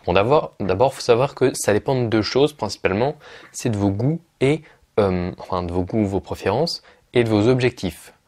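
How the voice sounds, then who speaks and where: A man's voice: lowish voice, animated, moderate pace, a little mellow. Hesitant French man teaching English. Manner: hesitant, many fillers and restarts. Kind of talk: casual online lesson.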